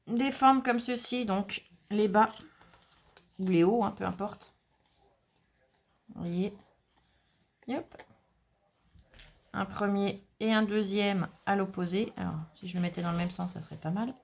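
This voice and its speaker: A woman hosting a casual crafting tutorial, chatting to viewers with many fillers and asides while she works. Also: mid-range voice. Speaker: craft channel host.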